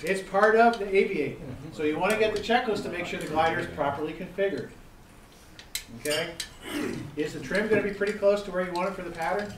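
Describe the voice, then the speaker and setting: A man's voice: high-pitched, fairly quick, a crowd in the background. A middle-aged man teaching a seminar, quizzing the audience and repeating key points with emphasis. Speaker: gliding safety instructor. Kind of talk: interactive seminar lecture. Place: seminar room. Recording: echoey room, distant mic, faint background noise.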